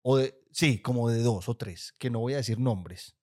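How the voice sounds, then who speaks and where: A man, co-hosting a podcast, telling a funny family story in a casual, animated way and acting out the lines he quotes. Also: medium pitch, moderate pace. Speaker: podcast co-host.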